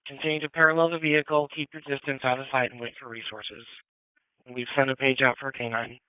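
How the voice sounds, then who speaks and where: A police dispatcher on two-way radio, medium-pitched and level, talks quickly as he tersely repeats reports back in clipped procedural phrases. The narrow-band scanner audio carries a slight hiss or hum.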